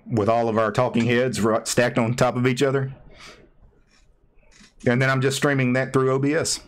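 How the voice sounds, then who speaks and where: A man hosting a casual video-call chat, talking in a relaxed, rambling way with plenty of fillers. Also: medium pitch, moderate pace. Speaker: host.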